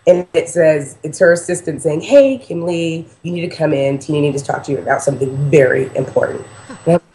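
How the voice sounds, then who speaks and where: A woman in her forties excitedly telling a personal story to a host, emphatic and chatty, full of "like". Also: sits low, a little fast, slight background noise. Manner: animated, emphatic, heavy use of "like".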